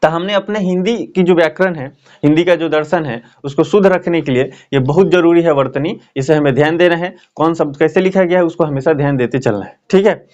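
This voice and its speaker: A man's voice: on the high side, fairly quick, darkish tone, dull audio. A man teaching a grammar lesson at a board, explaining in a chatty way and checking in often with his students. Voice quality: talks in a chatty explaining way with frequent check-ins.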